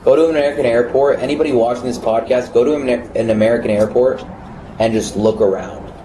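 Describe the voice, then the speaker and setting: Male podcast host, mellow tone, emphatic delivery, roomy echo. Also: medium pitch, fast talker, slight background noise. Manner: animated, emphatic, swears. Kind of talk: casual podcast chat.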